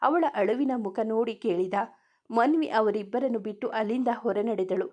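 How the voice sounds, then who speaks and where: A woman's voice: fairly high pitch, moderate pace, warm tone, highs cut off. A woman reading a romance story aloud, narrating and speaking every character in the same voice.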